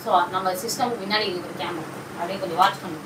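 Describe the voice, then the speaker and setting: A woman's voice: fairly low pitch, fast. A woman pulling a prank at home, teasing and coaxing in a casual, playfully defensive way. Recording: roomy and distant with faint noise.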